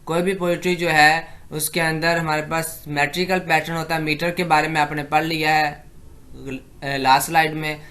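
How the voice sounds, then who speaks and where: A man giving an exam-prep lecture, explaining in Hindi-Urdu and reading English definitions slowly and deliberately. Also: fairly high pitch, flat delivery, bright, forceful tone. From Pakistan.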